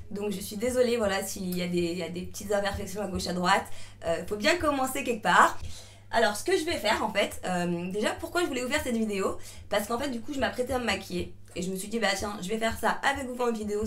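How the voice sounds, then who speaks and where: A woman's voice: medium pitch, expressive, fast talker, a bit bright. A young woman chatting casually through a make-up tutorial, talking straight to her viewers from a room at her grandmother's house. She is apologetic and hesitant and fills her sentences with lots of "euh". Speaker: beauty vlogger.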